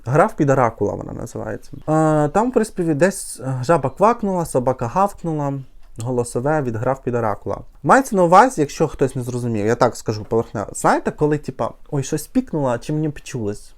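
A man's voice: mid-range voice, very animated, fast talker. A man with a Ukrainian accent, a music critic talking casually in a reaction vlog, chatty and sarcastic with rambling asides.

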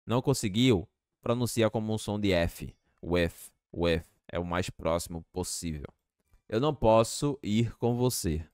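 A man teaching English to Portuguese speakers, slowly repeating each phrase with patience. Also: on the low side, lively intonation, a little mellow, no echo, clean studio sound.

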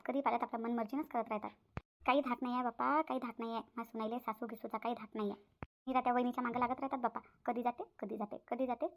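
A woman's voice: a little high, lightly acted. A woman voicing a bossy, resentful older mother-in-law in a cartoon. She grumbles and repeats her complaints. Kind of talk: cartoon voice acting.

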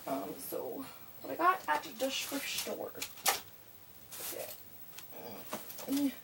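A young Canadian woman takes it slowly in her haul video, her high-pitched voice gravelly and very animated as she chats and wanders with many fillers. She's in a small bedroom, and her desk-distance webcam mic sounds far off with faint hiss.

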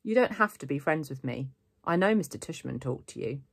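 A woman's voice: sits low, expressive, a little fast, gravelly, breathy edge, no room sound, clean studio sound, exaggerated voice. A woman reading aloud, voicing a guarded, sulky ten-year-old boy who talks accusingly.

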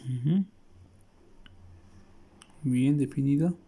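A man giving a casual drawing tutorial, muttering a relaxed running commentary as he sketches at a desk. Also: medium pitch, extremely slow, husky. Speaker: drawing teacher. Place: indoors at a desk, overhead view of paper.

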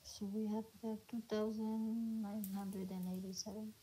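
Hesitant woman student, mellow voice. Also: medium pitch, level tone, a little hiss or hum, low-quality recording. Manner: hesitant, halting non-native phrasing. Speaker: accounting student. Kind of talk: casual one-on-one tutoring.

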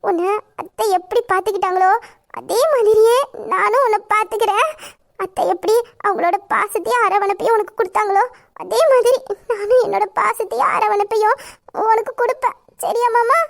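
A woman's voice: very high-pitched, fairly even intonation, fairly quick, creaky. A woman with a Tamil accent playing a devoted young wife, tender and tearful as she soothes her husband. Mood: soothing. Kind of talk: romantic audio drama.

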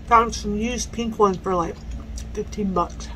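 A woman's voice: mid-range voice, fairly even intonation, unhurried, sharp tone, slight background noise, poor audio. A woman vlogger chatting candidly over lunch on a work break, talking while chewing with her mouth full. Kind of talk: casual eat-with-me chat.

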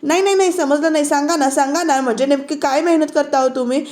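A woman voicing a sharp-tongued rich woman who taunts a guest in a TV serial recap, repeating words mockingly. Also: sits high, steady tone, fast talker, close to an everyday voice.

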